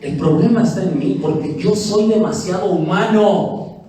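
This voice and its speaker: A man preaching a lively sermon as pastor, who acts out quotes of church members. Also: high voice, normal speed. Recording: echoey hall heard from a distance with faint music.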